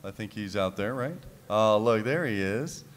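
A man hosting a live panel at a convention, playful and lively as he quizzes his co-hosts and the audience. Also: on the low side, normal speed. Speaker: podcast host running a live panel. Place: convention panel room, large hall. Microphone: table mic on a stand. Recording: hall reverb from a convention room.

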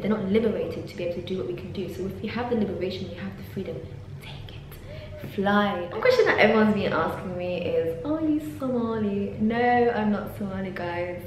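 In an echoey university office lab, a chatty young woman from London with a mid-range voice vlogs casually to camera, animated and often umming and laughing. She's a PhD student, recorded by a desk camera and then a handheld selfie. The room is very echoey indoors, with a faint hum audible.

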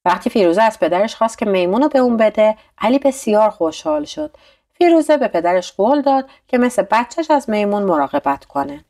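A woman narrating a bedtime story in a calm, steady storytelling manner. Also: a little high.

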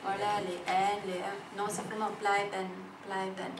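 Slow patient woman, german diction coach, far off in a roomy rehearsal room. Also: medium pitch, little pitch movement, slight background noise. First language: French. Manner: patient, repeats words slowly and clearly.

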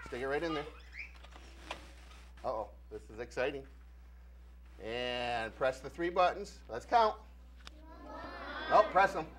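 A man's voice: medium pitch, lively intonation, takes it slowly, pauses often. A middle-aged man hosting a children's TV show, leading the kids in playful call-outs. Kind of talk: energetic audience hosting for kids. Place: TV studio stage with a child audience. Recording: noisy studio with crowd of kids.

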